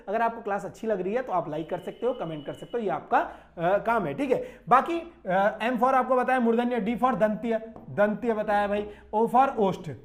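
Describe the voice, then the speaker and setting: A man teaching an online exam-prep class, explaining step by step and answering his own questions, with constant "okay" and "brother" check-ins. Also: sits high. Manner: repetitive, checks in with "ठीक है" and "भाई".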